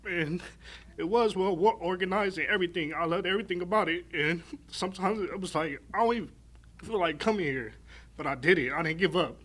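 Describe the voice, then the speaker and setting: Tearful graduate, male, high and bright, speaks haltingly through tears. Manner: halting, heartfelt. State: crying. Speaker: program graduate. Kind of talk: emotional graduation speech.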